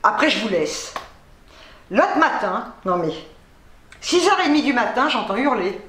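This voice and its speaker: A woman vlogger chatting casually to camera, swearing freely as she tells animated stories. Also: on the high side, measured pace, echoey room, a little hiss or hum.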